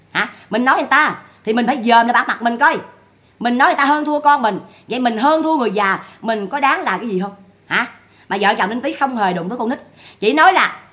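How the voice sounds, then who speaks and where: A woman's voice: on the high side, sharp tone. A woman giving scornful livestream commentary on online drama, firing repeated rhetorical questions.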